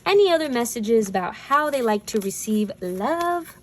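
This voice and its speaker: A woman's voice: a little high, lively intonation, normal speed. A woman giving a casual spoken tarot reading, chatty and rambling, with frequent fillers and easy laughs. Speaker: tarot reader.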